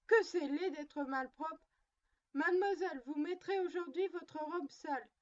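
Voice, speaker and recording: A woman's voice: high-pitched, a little slow, a little mellow, lo-fi sound. A woman reading a storybook, voicing a little girl who sternly plays mother to her doll, prim and lecturing. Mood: scolding.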